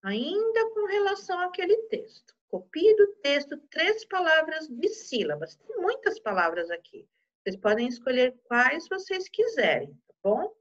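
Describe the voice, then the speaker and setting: A female teacher with a Brazilian Portuguese accent, giving an online class to young children in a gentle, patient way, often checking in with them. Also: high-pitched, big pitch swings, measured pace, dull audio.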